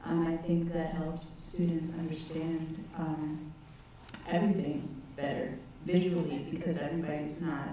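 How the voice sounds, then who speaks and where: A woman's voice: low voice, flat delivery, measured pace, mellow, distant mic. Hesitant young woman, echoey hall. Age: 20s. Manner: hesitant, many fillers. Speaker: panelist, youth leader and arts teacher. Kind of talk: panel discussion. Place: large auditorium stage. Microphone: handheld mic.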